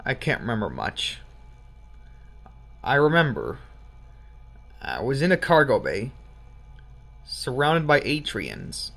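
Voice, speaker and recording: A man's voice: medium pitch, wildly swooping pitch, takes it slowly, vocal fry, long pauses, a bit bright, exaggerated voice. An actor playing a shaken young man who has just been stunned and is anxious and confused.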